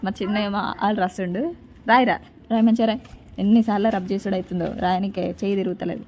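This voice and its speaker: A woman's voice: mid-range voice, steady tone, racing, a little mellow. A woman, vlogging casually at home and bossing her children through homework. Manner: scolding, bossy with children. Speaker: vlogger and mother. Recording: noisy home recording.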